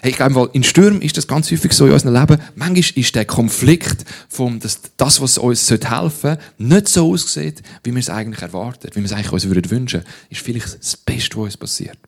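A man's voice: medium pitch, brisk, gravelly, few pauses. A man with a Swiss German accent preaching a sermon in a direct, conversational way, often turning to the listeners with rhetorical questions. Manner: conversational, direct, with frequent rhetorical "hey" and "oder?".

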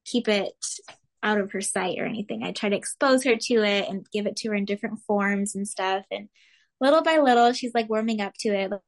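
Mom from arizona chatting as a guest, easygoing, says "like" a lot, laughs a bit. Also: female voice, medium pitch, fairly quick. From Arizona, USA. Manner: relaxed, rambling, with lots of "like" and light laughs. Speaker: guest, recipe blogger and mother. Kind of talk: casual interview chat.

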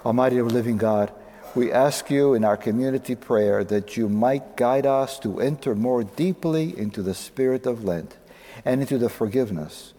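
Echoing, mellow-voiced priest at prayer. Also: male voice, on the low side. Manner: measured, reverent phrasing. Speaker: priest celebrating Mass. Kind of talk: solemn liturgical prayer. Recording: long cathedral-like echo, background noise.

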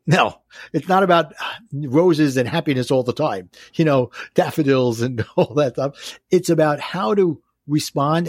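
A man's voice: on the high side, a little mellow, no room sound, clean studio sound. A man with a Brooklyn accent talking as a life coach in an interview, explaining step by step with rhetorical questions. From Brooklyn, New York.

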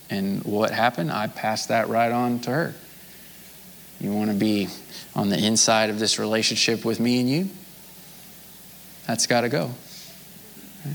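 A pastor preaching a sermon, earnest, reading scripture with rising intensity. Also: male voice, mid-range voice, creaky, a bit bright, in a large hall.

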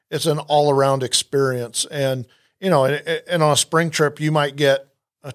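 Man, podcast host, casual rambling talk, restarts often, mid-pitched voice. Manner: rambling, with frequent restarts and fillers. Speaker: podcast host and hunting outfitter.

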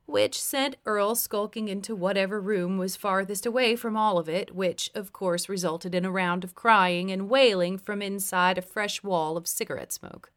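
A woman narrates her memoir as an audiobook, telling it in a wry, blunt way. Her voice sits at a middle pitch for a woman. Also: normal speed, few pauses, a bit bright.

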